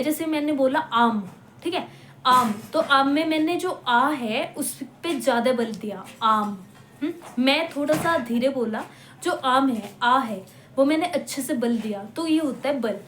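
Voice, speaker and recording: A woman with a fairly high voice teaches a lesson in a patient, step-by-step way. She repeats example words slowly and keeps checking in with her listeners. The room is echoey, with a faint hum behind her. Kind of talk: classroom-style lecture.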